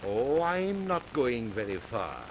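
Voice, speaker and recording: An actor playing a skeptical ship captain who scoffs with dry sarcasm, heard as early talkie film sound. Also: male voice, medium pitch, big pitch swings, slow, noisy background. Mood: scoffing.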